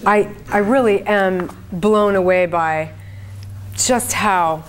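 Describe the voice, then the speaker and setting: Female speaker, mid pitch, conversational and earnest, presenting to a small group as a spiritual channeler. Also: takes it slowly, a little hiss or hum. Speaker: trance channeler leading a group event. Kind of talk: informal spoken talk to an audience.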